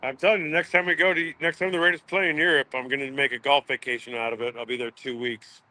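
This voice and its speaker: A man's voice: medium pitch, fast talker. A man guesting on a casual sports podcast, talking loosely and swearing freely. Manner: loose and profane, excitable.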